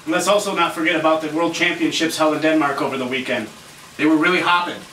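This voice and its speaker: A man playing an earnest, oddball sports co-anchor in a parody segment, delivered deadpan. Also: on the high side, fast. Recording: echoey, distant mic, faint noise.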